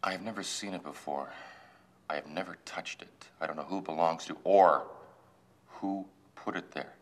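A man acts a defensive man in his thirties under police questioning in a TV drama. The voice is deep and low, the manner indignant. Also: normal speed, close to an everyday voice. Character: indignant male murder suspect, a smooth swindler. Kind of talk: TV crime drama acting.

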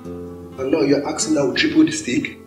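An actor with a Nigerian English accent playing a lawyer who speaks to his client in a measured, deferential way. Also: a little high, steady tone, darkish tone, roomy sound, faint music behind, close to an everyday voice, low-quality recording. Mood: cautious. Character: cautious lawyer advising a powerful chief.

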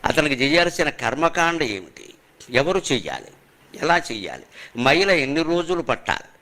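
A man's voice: a little high, big pitch swings, sharp tone. Emphatic man giving a discourse. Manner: emphatic rhetorical questions, chants verses slowly. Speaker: spiritual speaker. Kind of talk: religious discourse.

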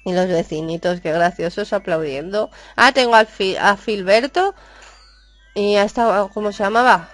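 A woman from Spain with a Spanish accent, chatting excitedly as she plays a video game and reads its dialogue aloud. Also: mid-range voice, moderate pace, no echo, faint music behind. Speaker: gaming YouTuber. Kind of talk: casual game commentary.

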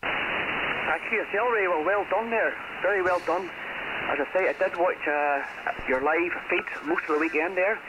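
Heard through noisy, muffled shortwave reception, a ham radio caller with a British accent talks casually at normal speed. He's a man with a high-pitched voice and an amateur radio operator.

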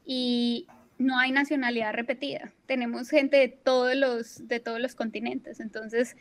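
A young woman from Colombia speaks in an interview, pausing often with fillers and starting her sentences over. Her voice sits a little on the higher side. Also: level tone. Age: young adult. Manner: hesitant, many fillers and restarts. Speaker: guest, climate risk analyst. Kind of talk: conversational interview answers. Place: at work in Bermuda.

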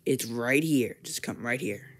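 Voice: mid-range voice, measured pace, natural voice. A fan voicing a stammering, cranky male scientist grandpa in a plush toy comedy skit, full of fillers and sly teasing. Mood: mischievous.

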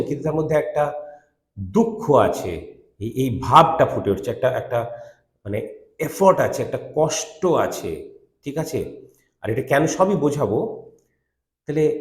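A man teaching a lesson on a verse, explaining slowly and rephrasing as he thinks aloud. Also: fairly high pitch, echoey room. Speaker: Quran teacher.

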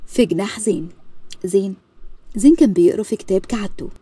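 A woman with an Egyptian accent narrating an audio story in a quick, even reading voice. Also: mid-range voice, husky, dry recording. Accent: Egyptian Arabic.

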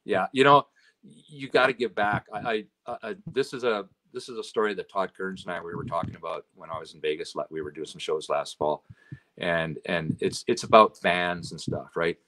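Guest storyteller: man from Canada, lowish voice, animated, slips into characters' voices when quoting, tag questions. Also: normal speed. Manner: animated anecdotes, acting out quotes, frequent "right?". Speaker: guest, road manager. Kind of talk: casual storytelling chat.

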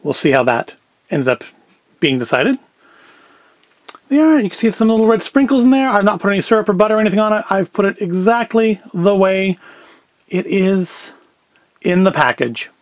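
His intonation lively and his voice high, a middle-aged man speaks at normal speed with long pauses while giving relaxed cooking and food review commentary. The video host leans on dry, self-deprecating humour, filming in his home kitchen and at a tabletop set.

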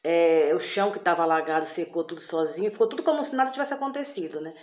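A woman's voice: fairly low pitch, fast talker, a little mellow. Woman telling a story casually, chatty and loose, roomy echo. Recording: echoey room.

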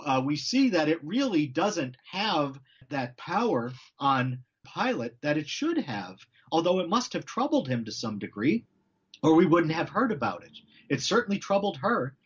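Explaining early church history with plenty of digressions, a middle-aged man who writes books sounds like a friendly teacher on a faith podcast where he's a guest. Pitch is fairly high; audio is muffled. He's animated, explains eagerly, and keeps saying "you know" and repeating phrases.

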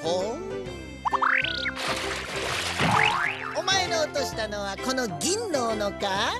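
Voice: medium pitch, sing-song, a little slow. An actor voicing a playful old lake god in a children's cartoon, grand and archaic but slipping into chatty boasting. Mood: grand, questioning. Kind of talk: children's anime cartoon acting. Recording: loud music under the voice.

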